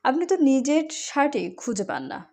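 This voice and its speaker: A woman voicing a playful, affectionate young wife who is quick to sulk, in a romantic audio story. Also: high voice, sing-song, a little mellow.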